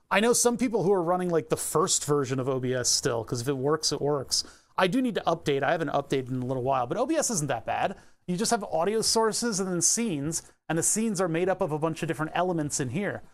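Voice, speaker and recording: In his home workshop, a man with a rather high voice speaks into a clip-on lapel mic during a laid-back live stream. Easygoing and quick to chuckle, he rambles as he explains his screen setup.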